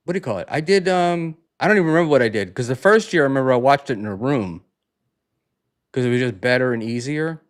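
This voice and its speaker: A man hosting a relaxed chat show, talking in a loose, halting way. His voice sits at an ordinary middle pitch. He trails off, restarts his sentences and leans on fillers as he goes. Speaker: podcast host. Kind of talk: casual chat.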